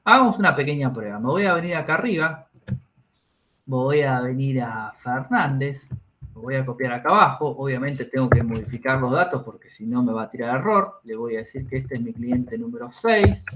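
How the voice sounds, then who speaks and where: Man, teacher, explains patiently step by step, medium pitch. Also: animated, normal speed, background noise. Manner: explains step by step, checks understanding with tag questions. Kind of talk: classroom lesson.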